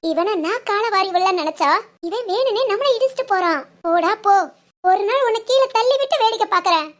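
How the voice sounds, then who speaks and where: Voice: very high voice, expressive, fairly quick, fairly bright tone. A performer voicing a playful, teasing young village woman in a cartoon. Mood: playful scheming. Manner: teasing, chatty. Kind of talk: Tamil cartoon voice acting.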